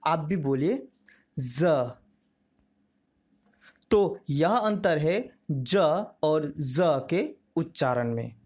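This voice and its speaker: Slow, careful Hindi pronunciation teacher. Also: mid-range voice, animated, darkish tone. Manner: slow, carefully articulated, demonstrating sounds. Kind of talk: slow instructional lesson, word drills.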